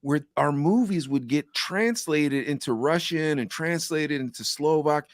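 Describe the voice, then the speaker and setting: A man's voice: a little high, a little slow, no room sound, studio quality. A man hosting a podcast, chatting casually and eagerly pressing his guest with teasing questions. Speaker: podcast host.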